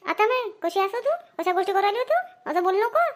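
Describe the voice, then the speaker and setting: Woman playing a shrill boastful old mother-in-law. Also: big pitch swings, brisk.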